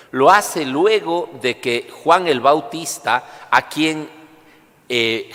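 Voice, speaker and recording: A priest reading the Gospel and preaching a homily at Mass in a slow, deliberate cadence, his voice carrying the long echoing reverb of a large church. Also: mid-range voice, bright, forceful tone.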